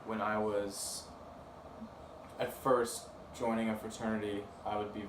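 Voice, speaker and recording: A man's voice: lowish voice, unhurried, background noise. Distant college man in a roomy space. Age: young adult. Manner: relaxed, hesitant, fillers. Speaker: interviewee. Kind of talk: casual interview answers.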